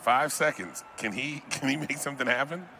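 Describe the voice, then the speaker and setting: A man's voice: medium pitch, brisk, vocal fry, bright, forceful tone, a faint crowd, a little hiss or hum. A man giving casual live play-by-play of a video game tournament, with teasing banter. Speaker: esports commentator.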